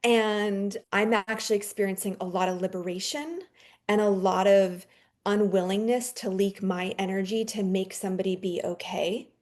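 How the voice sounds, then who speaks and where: A woman's voice: mid-range voice, steady tone, normal speed, darkish tone. A woman giving a heartfelt, reflective personal share in a circle, casual and open. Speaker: panel participant.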